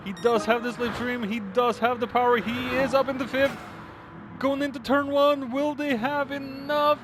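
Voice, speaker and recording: Calling a race live, the esports commentator's high voice sounds strained, as if on the verge of failing, with vehicle noise clearly behind him. He speaks at normal speed with fairly even intonation, casual and exclamatory, hesitating between phrases.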